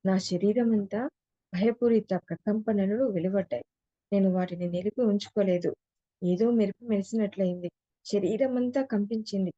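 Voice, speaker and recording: A woman's voice: medium pitch, mellow, no room sound, dull audio. A woman teacher reads a story aloud, then retells and explains each passage in casual talk. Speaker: spiritual teacher.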